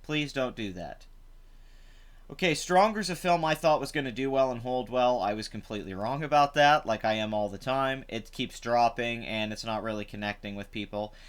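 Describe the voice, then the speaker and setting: A young guy hosting a live stream at home rambles chattily through casual commentary, leaning on lots of fillers. His voice is mid-range and resonant, rough from the previous night's drinking, and he keeps a moderate pace.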